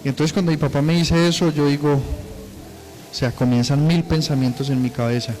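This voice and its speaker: A man's voice: a little high, steady tone, moderate pace, darkish tone. Earnest man, hall reverb. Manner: earnest, repetitive storytelling with many "le dije". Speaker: guest giving a testimony. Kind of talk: personal church testimony.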